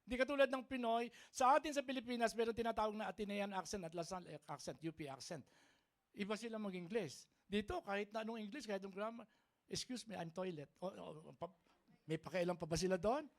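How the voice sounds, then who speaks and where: This Filipino pastor talks fast in a high voice, blending Tagalog and English during a lively church sermon. He keeps seeking the congregation's agreement as he preaches.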